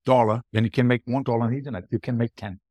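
A middle-aged or older man, a booking strategist appearing as a podcast guest, answers emphatically and conversationally in an Austrian accent, German being his native language. His voice is medium-pitched and darkish, with fairly even intonation and a racing pace. There's no room sound.

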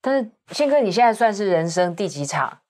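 A woman, a magazine editor hosting an interview, attentive and quick to affirm. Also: medium pitch, big pitch swings, darkish tone.

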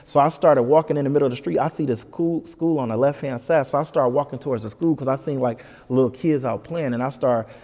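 A man telling a story as an interview guest, animated and full of "you know what I'm saying.". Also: mid-range voice, fast talker, few pauses, big-room sound. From Detroit. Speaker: comedian guest.

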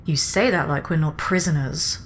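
Woman playing a wry, lowish-voiced adventurer. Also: normal speed, slight background noise, lightly acted. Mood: sardonic. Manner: dry, sardonic. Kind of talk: scripted audio drama acting.

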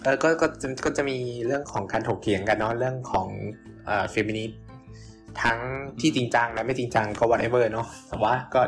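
Halting Thai man on a podcast. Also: mid-range voice, fairly even intonation, soft background music. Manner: halting, many restarts, mixes English words into Thai. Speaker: podcast guest. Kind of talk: casual podcast chat.

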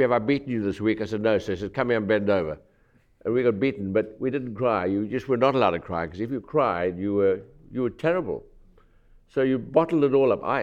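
Older guy on a panel, low voice, blunt, kinda muffled sound. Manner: blunt, matter-of-fact. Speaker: panel guest. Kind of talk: panel discussion.

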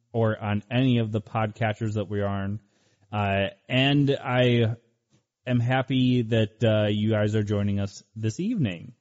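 A man hosting a talk show in a conversational style, with a halting, pausing delivery. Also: lowish voice, darkish tone. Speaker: host. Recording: dull, muffled audio.

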